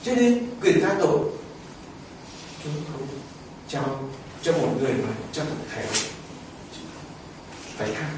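A male priest preaches a sermon in animated storytelling fashion. His voice sits high and swings widely in pitch. He sounds far from the mic, with heavy church echo and faint background noise. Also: measured pace, pauses often. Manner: animated storytelling, rhetorical questions.

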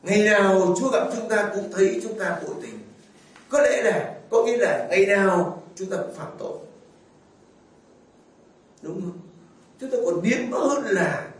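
Older male priest, high voice, folksy homily, heard from a distance in a very echoey church. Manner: folksy storytelling, fond asides and chuckles. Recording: very echoey hall, mic far off, faint noise.

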